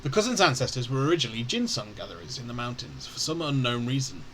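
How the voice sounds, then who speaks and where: A man's voice: medium pitch, very animated, fast talker, a bit bright, a little hiss or hum, low-quality recording. A man streaming a game, reading its lore aloud, stumbling over words and correcting himself.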